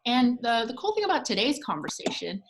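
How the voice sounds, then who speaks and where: A woman's voice: a little high, brisk, slight background noise. Chatty woman moderating a video call. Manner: chatty, excited, frequent ums and restarts. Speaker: host and organizer. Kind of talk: online panel moderation.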